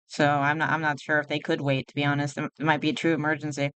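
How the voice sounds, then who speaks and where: A woman streams casual live reactions in a smooth, clear voice. She muses and rambles as she goes, and the sound is dry and close. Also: sits low, flat delivery, fast talker, fairly bright tone, no echo. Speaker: VTuber streamer reacting to a video.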